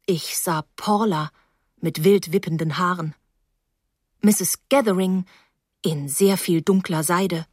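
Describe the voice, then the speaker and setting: A woman reading a novel aloud in the first person with an expressive, dramatic delivery. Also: on the low side, slow, long pauses, slightly rough, dry recording, clean studio sound. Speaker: audiobook reader. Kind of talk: expressive audiobook narration.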